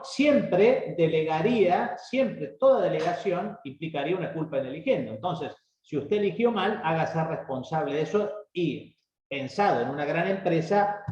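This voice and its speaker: A man with an Argentine Spanish accent moderating a legal webinar, explaining in a measured way with hesitant restarts over a video call. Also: fairly high pitch, a little mellow. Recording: echoey, muffled video-call audio.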